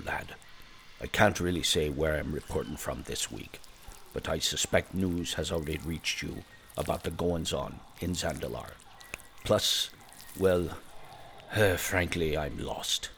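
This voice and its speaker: A man's voice: sits low, gravelly, a little hiss or hum, heavily acted. A man voicing a hapless but eager dwarf soldier, rambling and folksy, reporting in a fantasy radio dispatch.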